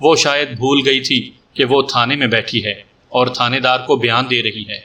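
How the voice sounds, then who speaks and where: A man narrating a story in a measured, steady reading style. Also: mid-range voice, far from the mic.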